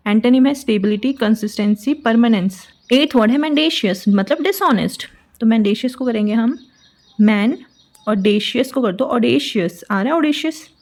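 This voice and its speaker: A woman's voice: fairly high pitch, normal speed, darkish tone. Chatty Indian woman teaching vocabulary tricks. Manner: playful, spells out memory tricks in a chatty storytelling way. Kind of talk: casual explaining lesson.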